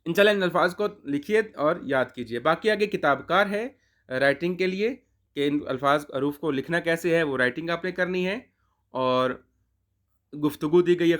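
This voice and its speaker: A man teaching a beginner language lesson from a textbook, slowly drilling phrases and repeating words for practice. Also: on the high side, a bit bright.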